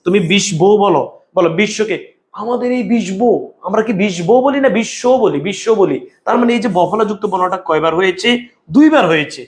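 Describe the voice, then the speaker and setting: A man's voice: high-pitched, lively intonation, fast talker. A man teaching an online exam-prep language class, drilling students with call-and-response repetition and calling them brother. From Bangladesh. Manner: calls listeners "bhaiya". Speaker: Bangla teacher.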